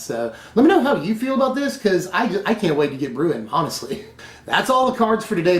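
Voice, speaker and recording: A man hosting his channel, talking casually through new card spoilers, chatty and often laughing at himself. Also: a little high. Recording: echoey room.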